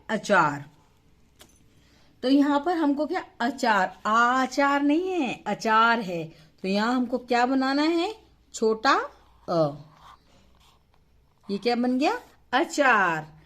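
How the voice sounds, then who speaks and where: Slow, animated woman teacher. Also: sits high. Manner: slow, patient, asks questions then answers them; stretches vowels to model pronunciation. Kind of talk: instructional lesson.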